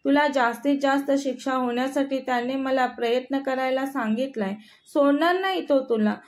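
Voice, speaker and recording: A woman's voice: sits high, normal speed, lightly acted. A woman voicing a young man, a blunt friend who scolds a woman for what she did. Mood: scolding.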